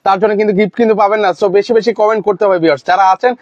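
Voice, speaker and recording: A man's voice: high voice, steady tone, racing, a little mellow, no echo, muffled recording. A man hosting a live sales stream, repeatedly urging viewers to comment, with lots of fillers.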